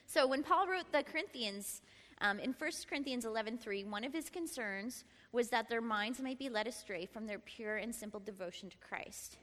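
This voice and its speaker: Middle-aged woman Bible teacher, lively and chatty, slightly high, bright voice; ringing reverb of a large hall. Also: normal speed. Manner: lively, laughs often, prompts the group to repeat. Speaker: teacher at a church Bible study. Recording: long reverb in a large room.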